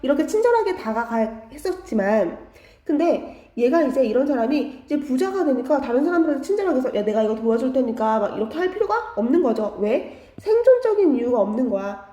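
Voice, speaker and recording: A woman teaches English grammar in a fairly high, mellow voice. She goes slowly and patiently, restating each phrase in simpler words. The room gives her voice a noticeable echo. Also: sing-song. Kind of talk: online grammar lecture.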